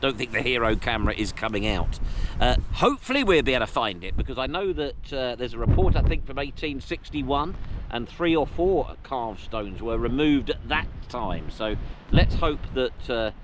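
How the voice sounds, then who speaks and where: A man's voice: medium pitch, expressive, moderate pace. A man presenting an outdoor vlog, chatty and self-mocking, recorded on a camera mic on an exposed hilltop. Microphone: camera mic carried outdoors. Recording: heavy wind and rain noise outdoors.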